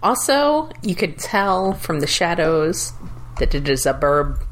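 Slow-talking woman with a lively voice. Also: lowish voice, faint music behind, poor audio. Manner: playful, quick to laugh, drawn-out remarks. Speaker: podcast co-host. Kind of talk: casual chat recapping a cartoon episode.

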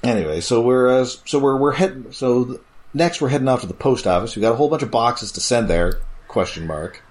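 A man co-hosting a podcast, recapping an episode in casual chat with dry, deadpan jokes. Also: medium pitch, fairly quick. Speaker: podcast co-host.

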